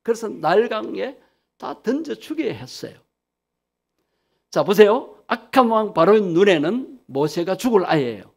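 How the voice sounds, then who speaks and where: A man's voice: high voice, big pitch swings, moderate pace, creaky. A male pastor preaching a sermon emphatically, leading the congregation in repeating phrases.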